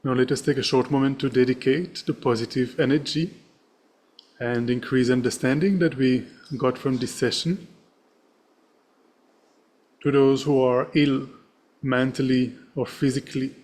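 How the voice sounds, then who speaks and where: A man leading a guided meditation as its teacher, speaking in a serene, gentle and measured manner. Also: medium pitch, fairly even intonation.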